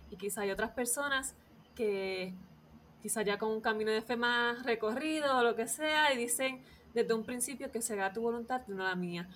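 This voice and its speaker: A woman's voice: fairly high pitch, moderate pace, a bit bright, a little hiss or hum. A woman hosting a casual faith podcast, talking reflectively and laughing easily. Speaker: podcast host.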